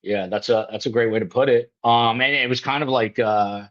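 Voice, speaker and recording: A man's voice: mid-range voice, steady tone, fairly quick, fairly bright tone. A man hosting a live show, talking casually and rambling with lots of ums and you-knows over a video call. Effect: video call audio. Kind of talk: casual panel chat on a live stream. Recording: dull lo-fi video call line.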